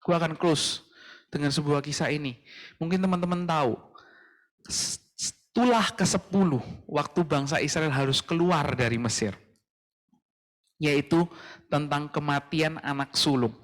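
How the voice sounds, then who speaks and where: A man's voice: on the high side, a little slow, long pauses, long reverb tail. A man giving a casual youth sermon, chatty and sprinkled with English phrases. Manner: casual, mixing in English phrases, addressing "guys". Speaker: youth pastor. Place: church livestream.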